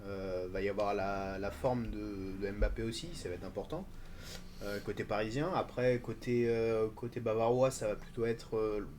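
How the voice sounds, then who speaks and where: A man's voice: lowish voice, fairly even intonation, moderate pace, darkish tone, slight background noise. A man answering as a football pundit on a live stream, hesitant with frequent fillers. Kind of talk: casual live-stream discussion.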